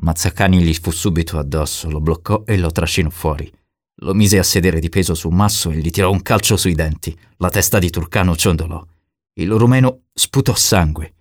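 Deep-voiced man reading an audiobook. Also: dry recording, clean studio sound. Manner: steady, measured reading. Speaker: audiobook narrator. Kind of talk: scripted narration.

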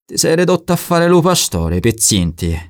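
A coarse bandit boss growls in a thick southern Italian dialect, louder and higher than the reader's own low voice, as a man puts him on for an audiobook. He is blunt and vengeful, and he spits his words out without any polish. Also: sing-song, normal speed. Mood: menacing. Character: rough male bandit chief, coarse and vengeful.

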